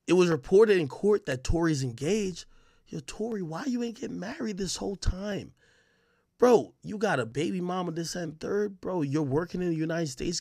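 Here a Jamaican podcast host and commentator riffs through off-the-cuff reaction commentary, loud, slang-heavy, cursing and emphatic, like a laid-back streamer. His voice sits a little high, captured in a dry, studio-quality recording.

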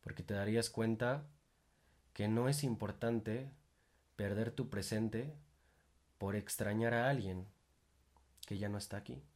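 A man's voice: lowish voice, a little slow, long pauses, a little mellow. A young man with a Mexican accent hosting a reflective monologue, informal and full of swearing, rising into emphatic bursts. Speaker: podcast host.

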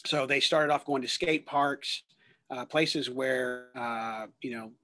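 A man's voice: mid-range voice, fairly even intonation, takes it slowly, pushed and bright. A man in his thirties, a ministry worker and guest, talking earnestly in a rambling way with many fillers and restarts. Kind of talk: conversational testimony.

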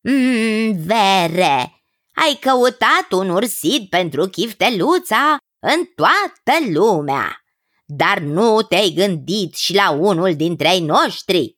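A cheerful, food-obsessed male cousin, as a woman storyteller puts him on, gushing and stretching his words with relish. His voice jumps high and swings widely in pitch. The storybook reading is close and dry. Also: very animated, fairly bright tone, no echo. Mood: enthusiastic. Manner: gushing, drawn-out praise.

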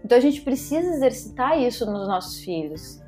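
A woman's voice: on the high side, very animated, fairly quick, darkish tone, faint music behind. A middle-aged woman, a psychologist talking on a podcast in an emphatic way that repeats rhetorical questions. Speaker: psychologist guest. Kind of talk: podcast conversation.

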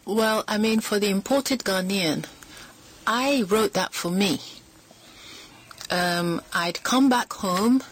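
A middle-aged, British-born woman appears as an author guest on a radio talk show, telling her story in a lively way and laughing often. Her voice is mid-range, and she speaks slowly with many pauses.

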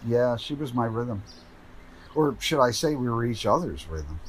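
An actor playing a blunt, suspicious widower in middle age. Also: male voice, medium pitch, big pitch swings, unhurried, slight background noise. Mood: plain. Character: widowed man, gruff and suspicious.

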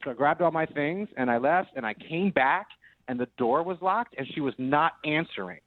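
A man's voice: a little high, moderate pace, no room sound. A man near thirty rambles sheepishly through his story as a caller. His voice comes down a tinny phone line. The sound is dry, with no room around it. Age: late 20s. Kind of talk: casual phone call to a radio show.

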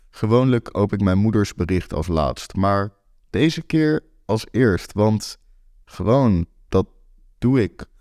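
A young man reading a first-person story aloud with wry, deadpan delivery. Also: low voice, no room sound, studio quality. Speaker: narrator.

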